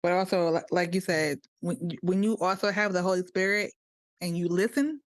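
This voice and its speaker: A young woman co-hosting a podcast, telling stories in casual chat and sometimes dropping to a soft voice. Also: fairly low pitch, normal speed, dry recording. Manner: storytelling, mimics family voices, drops soft at times. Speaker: podcast co-host.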